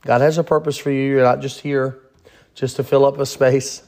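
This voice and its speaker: A man's voice: medium pitch, little pitch movement, moderate pace, darkish tone. A man in his thirties leading an informal Bible study, talking plainly and repeating phrases for emphasis. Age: 30s. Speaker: pastor.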